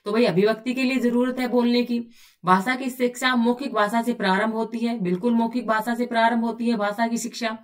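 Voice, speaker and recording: A woman teacher works through exam material, posing question after question to her listeners and then answering each one herself. Her voice sits a little high for a woman and comes across as somewhat distant from the microphone. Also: steady tone, brisk. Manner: explains by asking and answering her own questions, often says "bhai". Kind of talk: exam-prep lecture.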